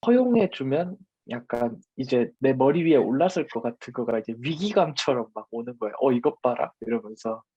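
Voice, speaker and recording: Casting: candid, rambling dad, husky voice, a little dull and lo-fi in sound. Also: male voice, medium pitch, mellow, no room sound. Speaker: panelist father. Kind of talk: casual parenting talk.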